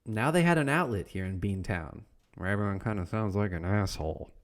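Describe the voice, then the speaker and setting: Speaking in a lowish voice close to ordinary conversation, a man is animated and brisk as he plays a young founding-father printer. His comedic history lesson comes across as wry and playful.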